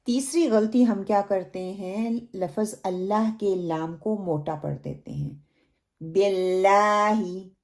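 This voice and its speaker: A woman's voice: medium pitch, warm tone. A woman teaching Quran pronunciation in a recorded lesson, explaining patiently and drawing out words to demonstrate them. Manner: slow, patient explanation with drawn-out demonstrated recitation.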